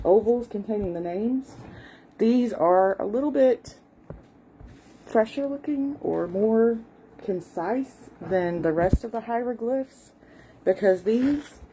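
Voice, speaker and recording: A woman's voice: medium pitch, noisy background. A Southern woman in her late forties or older, chatting casually at home and walking viewers through the pictures in a book, with lots of fillers and apologies. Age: at least late 40s. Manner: shows a book page and walks viewers through it. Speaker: history hobbyist host. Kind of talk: casual rambling explanation. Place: home, cat nearby.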